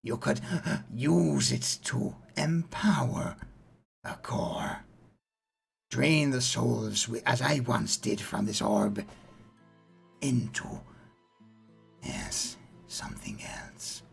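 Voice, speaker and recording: A man voicing a sinister old coroner in a tabletop game, with a breathy, whispery voice and a slow, halting, dry clinical delivery. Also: medium pitch, animated, soft background music, heavily acted. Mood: cold, measured.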